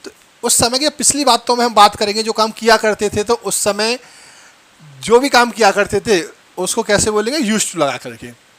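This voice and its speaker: Man, high voice, English teacher, stretches out and repeats example sentences. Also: fairly bright tone. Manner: slow, drawn-out English example sentences between Hindi explanations. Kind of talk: Hindi-language English lesson.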